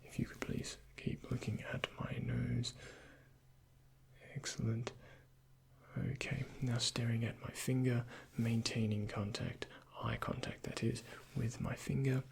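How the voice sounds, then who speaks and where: This ASMR performer takes on a doctor's role, murmuring courteous, unhurried directions to the listener as if to a patient. His breathy, near-whispered voice sits at medium pitch with little rise or fall, and he speaks right up against the microphone.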